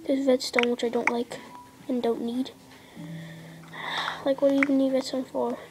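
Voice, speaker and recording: The same gameplay vlogger speaks in a high, flat voice at a moderate pace, rambling through filler-heavy commentary and occasional half-whispers over music. She's indoors at a table, filmed by a device camera pointed at a handheld screen, and the audio quality is poor.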